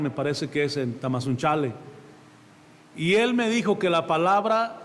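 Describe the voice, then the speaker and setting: Preaching in a church, a man with a Mexican accent and a somewhat high voice talks to the congregation in a conversational style, often saying "brother." His voice carries a large-room sound.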